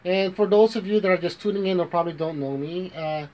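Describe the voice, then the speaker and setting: A Philippine-born man in his thirties, raised in the US with an American accent, vlogs casually into a phone camera held at arm's length in a small bedroom. He talks fast in a high, slightly mellow voice, rambling, restarting, and mixing in Tagalog phrases, and the audio is poor.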